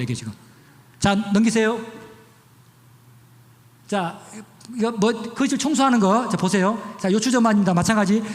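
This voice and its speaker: High-voiced pastor in an echoey hall. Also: male voice. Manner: chatty, demonstrative, repeats short commands. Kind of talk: church health talk with slides. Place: church hall.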